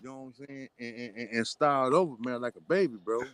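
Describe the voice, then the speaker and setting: A man talking as a guest in a casual conversation, animated and full of filler phrases, stumbling and stuttering at times. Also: mid-range voice, fast, clear, resonant tone, no echo.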